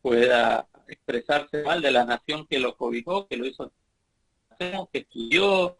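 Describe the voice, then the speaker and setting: Male congregation teacher, gravelly voice, earnest sermon with emphatic swells. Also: mid-range voice, measured pace. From Bolivia. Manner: earnest, repetitive exhortation with rising emphatic bursts.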